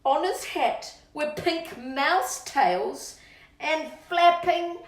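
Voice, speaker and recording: Her voice is high-pitched and extremely slow as she hosts a children's storytime, giving a playful, sing-song read-aloud with elongated words and little asides to her pet dog. The sound is distant and echoey, as in a roomy space.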